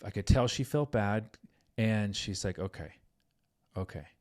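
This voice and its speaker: Man, middle-aged, parenting podcast host, lowish voice, earnest, chatty storytelling. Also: unhurried. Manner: earnest, animated storytelling with many "like"s. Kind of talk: casual podcast conversation.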